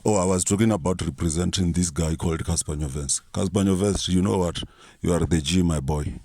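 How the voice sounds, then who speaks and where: A lowish-voiced man holds forth in a dry, close recording. He rants in a boastful, profane mock-courtroom style, tripping over his words and restarting often. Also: brisk, mellow, dry recording. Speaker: self-styled reverend vlogger. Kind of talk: rambling comic monologue to camera.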